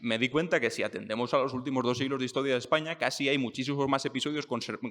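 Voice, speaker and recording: A young man from Spain talking casually and thinking aloud, with fillers and restarts, slowing down to stress his points. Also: medium pitch, fairly even intonation, a bit bright, big-room sound. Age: young adult. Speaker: speaker on politics and identity. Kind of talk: casual talk.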